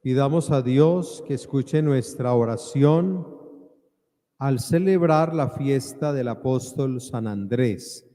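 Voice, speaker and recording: Slow-spoken priest in cathedral echo. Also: male voice, mid-range voice, warm tone. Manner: measured, deliberate phrasing with pauses. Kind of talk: solemn liturgical prayer and preaching. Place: large reverberant church. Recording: cathedral-like echo, long church reverb.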